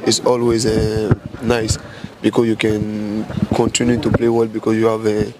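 Man, footballer, gravelly voice, flat delivery, hesitant, loud traffic around him. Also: lowish voice. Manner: hesitant, many pauses and fillers. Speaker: football player. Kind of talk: press interview answers. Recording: loud street noise outdoors with traffic.

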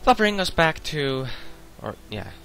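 A young man talks slowly through his gameplay, mumbling to himself and cursing under his breath. His pitch swings widely, jumping into sharp, squeaky outbursts. Faint music plays behind him. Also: very animated, gravelly. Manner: swearing, muttering to himself, sudden loud outbursts. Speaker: gamer narrating his play. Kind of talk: casual let's-play commentary.

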